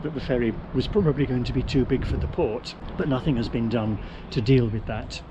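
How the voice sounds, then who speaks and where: A man's voice: mid-range voice, a little fast, dull audio, background noise. A man giving casual, opinionated vlog commentary in a wry, understated way. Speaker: vlogger presenting a travel film.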